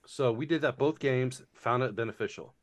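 Speaking at a normal speed in a mid-range voice, this board game reviewer rambles through a casual chat about games. He fills it with fillers, restarted sentences, and offhand swearing.

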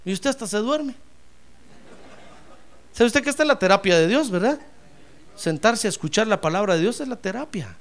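A man preaching a sermon as pastor, joking with listeners as brothers and swelling into loud cries of praise before dropping to quiet asides. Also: sits high, animated, moderate pace, pauses often. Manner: humorous, addresses listeners as brother.

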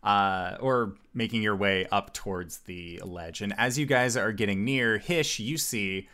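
Slow-paced man narrating a tabletop game. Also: fairly low pitch, sharp tone. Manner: halting, piecing scenes together. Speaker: game master.

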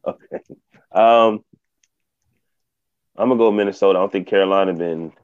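Deep-ish guy guest on a sports pod, laid back, muffled lo-fi sound. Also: clean tone. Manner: relaxed, halting, chuckles often. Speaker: podcast guest. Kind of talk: casual sports picks chat. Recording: dull lo-fi audio.

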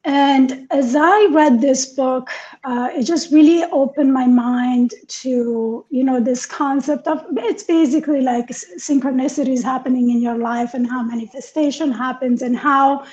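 A woman raised in Italy co-hosts a casual podcast chat as a life coach, speaking earnestly and reflectively and laughing easily. Her voice sits high with a steady tone, a little slow and a little mellow. The recording has a dull lo-fi sound.

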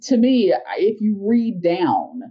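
A woman's voice: mid-range voice, huge pitch swings, takes it slowly, breathy edge, dull audio. A woman co-host on a podcast, thinking aloud and picking apart a text with many fillers. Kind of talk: casual podcast discussion.

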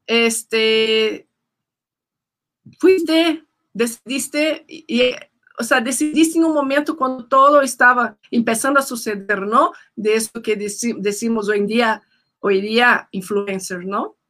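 A woman host with a Mexican accent chatting casually with a guest, bubbly and quick to laugh. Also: on the high side, a bit bright. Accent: Mexican Spanish. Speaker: show host. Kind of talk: casual interview chat.

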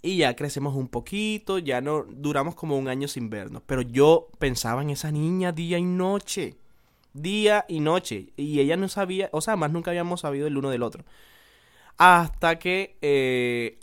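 A young man from the Caribbean coast of Colombia, with its accent, casually telling a personal story in a rambling, self-mocking way. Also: mid-range voice. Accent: Colombian Caribbean coast Spanish.

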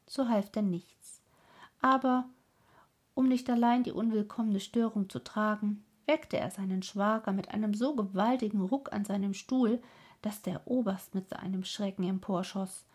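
A woman reading a story aloud with calm, measured narration. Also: medium pitch, slightly rough. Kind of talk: audiobook narration.

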